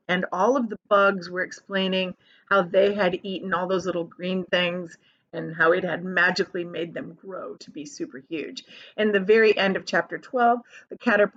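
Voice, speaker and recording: Like a teacher, a woman reads a children's story aloud with animation, pausing for plain, casual explanations. Her voice is mid-range and fairly bright, though the audio is dull.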